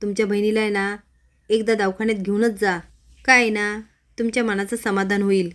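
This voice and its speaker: A woman's voice: mid-range voice, level tone, fairly quick, a bit bright, close to an everyday voice. Woman reading a flustered scheming village woman.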